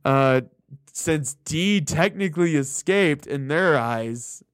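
A man co-hosting a podcast in casual chat, with a rambling, animated way of telling things and an easy laugh. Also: on the high side, slow, clear, resonant tone, dry recording, studio quality. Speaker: podcast co-host.

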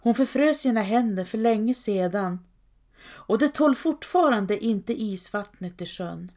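A woman narrating a scripted historical story in a calm, measured way. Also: medium pitch.

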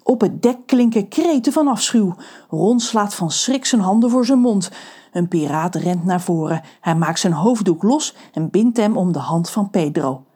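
A woman narrating a children's audiobook with lively, expressive storytelling. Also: mid-range voice, unhurried, husky.

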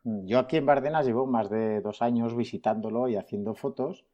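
A man's voice: mid-range voice, a little fast, dark tone, highs cut off. A man being interviewed as a nature photographer, talking in a chatty, good-humoured way. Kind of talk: casual interview.

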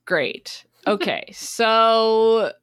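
A woman's voice: on the high side, extremely slow, fairly bright tone, clear, resonant tone, no room sound, studio quality. A woman hosting a casual book-club podcast, chatty and often breaking into laughter mid-sentence. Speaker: podcast host.

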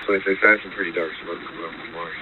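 A man's voice: deep voice, fairly even intonation, quick pace. A man, a police officer in the field, heard over a police radio with terse, urgent, repeated callouts. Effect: police radio transmission. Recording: tinny radio with static, from off the mic.

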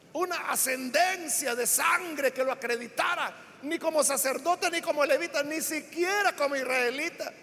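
High-pitched preacher man, emphatic, echoing hall. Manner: emphatic, rising into shouts on key words; builds lists with repeated phrases. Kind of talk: sermon. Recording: long hall reverb.

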